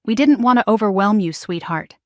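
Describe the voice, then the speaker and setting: Woman doing anxious guilty mom, pleading, soft-spoken, dry sound. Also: mid-range voice, lively intonation, fairly quick, no room sound, natural voice. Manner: pleading, placating. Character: anxious, guilt-ridden middle-aged mother.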